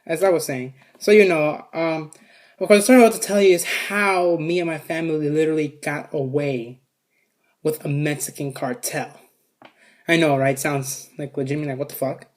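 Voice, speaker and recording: A vlogger telling a story to a camera in a casual, rambling way, swearing often and filling pauses with "you know" and "like". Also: medium pitch, fairly even intonation. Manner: rambling, profane, many fillers. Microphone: camera set up in front of them.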